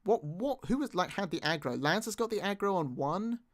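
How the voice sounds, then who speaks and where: Soft music plays behind a British YouTube creator as he briskly comments on his own video in a high-pitched voice with lively intonation. He rambles, mocks himself, and restarts his sentences again and again.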